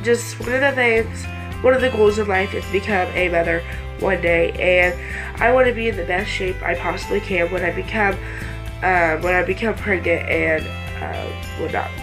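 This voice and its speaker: In a small indoor bedroom, a vlogger in her late teens, almost 18, talks to camera in a casual, rambling, hesitant way and is easily distracted. She has a fairly low voice with congested sinuses, speaking at a moderate pace over music, and the audio is poor.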